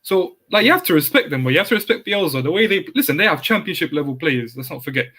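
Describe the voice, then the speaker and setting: A man's voice: a little high, very animated, quick pace, bright, forceful tone, husky. A man with a London roadman accent in casual football banter, slangy and dropping "bro" and "man" often. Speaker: guest on a football fan show.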